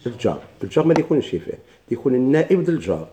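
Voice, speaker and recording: Male grammar teacher, Moroccan Arabic accent, very dark tone, medium pitch, patient step-by-step explainer. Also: very animated, rapid-fire. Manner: explains step by step with rhetorical questions and repetition. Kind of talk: classroom grammar lesson.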